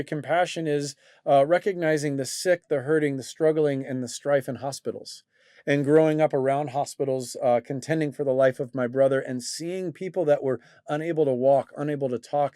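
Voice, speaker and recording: A man's voice: fairly high pitch, warm tone, no room sound. Thoughtful man coaching, dry close sound. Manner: reflective, halting with frequent fillers and restarts. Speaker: host and coach. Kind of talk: conversational teaching talk.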